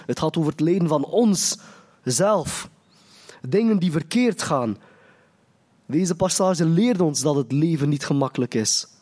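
A man's voice: a little high, warm tone. A man preaching a sermon in an earnest way, often restarting his phrases. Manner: earnest, restarts phrases, acts out quoted prayers.

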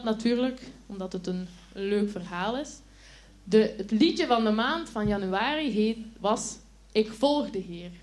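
A woman teacher telling a Bible story to children in a lively, expressive way, asking them questions as she goes. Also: medium pitch.

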